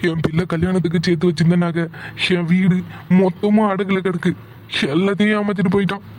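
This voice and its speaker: A man voicing a desperate, cheated middle-aged father in an animated drama. He speaks in a weary, pleading way. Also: high voice, fast, natural voice. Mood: despairing.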